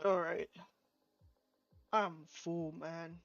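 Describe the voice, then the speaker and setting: A stuffed, sleepy game streamer chats casually with the stream, rambling and drawling. The talk comes out very slowly. Game music plays clearly in the background. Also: mid-range voice, fairly even intonation, fairly bright tone, lo-fi sound. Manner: drawling, rambling, laughing often. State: stuffed and sleepy after eating. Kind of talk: casual live-stream chat.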